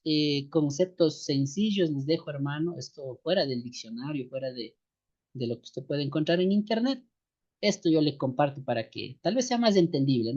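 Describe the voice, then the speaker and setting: Slow-lecturing man. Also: fairly high pitch, darkish tone. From Ecuadorian highlands. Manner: slow, repetitive, rhetorical questions tagged with "no". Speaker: seminary teacher. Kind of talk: online class lecture. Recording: dull lo-fi sound.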